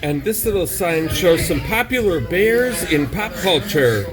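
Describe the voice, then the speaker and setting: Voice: mid-range voice, lively intonation, unhurried, a crowd in the background, low-quality recording. A travel vlog host narrating animal sightings casually, in an awed, exclaiming manner. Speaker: host of a travel video channel. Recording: music behind the voice. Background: music.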